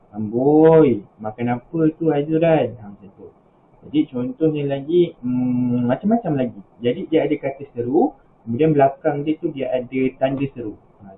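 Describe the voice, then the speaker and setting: A man's voice: medium pitch, slight background noise. A man with a Malaysian Malay accent teaching an online religious school class, patiently explaining step by step over a video call. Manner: patient, explains step by step with rising example questions. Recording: tinny phone-like video call audio.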